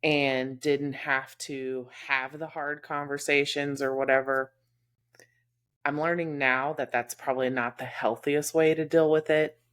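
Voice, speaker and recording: A woman's voice: low-pitched, little pitch movement, unhurried, fairly bright tone. A woman from Texas with a Texas accent, co-hosting a podcast and talking candidly about friendships with many fillers. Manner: candid, heartfelt, lots of fillers. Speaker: podcast co-host. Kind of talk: casual chat.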